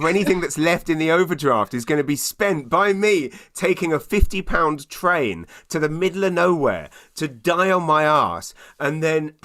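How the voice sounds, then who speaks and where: A British man, a stand-up comedian, telling a comic anecdote in casual conversation in an animated, self-deprecating way with stammered repeats. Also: fairly high pitch.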